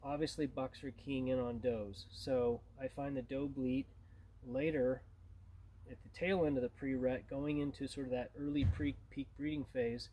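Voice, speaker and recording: A man's voice: medium pitch, steady tone, normal speed, dark tone, slight background noise, poor audio. A man gives an informal tutorial as a hunting instructor, in a plain-spoken, conversational way.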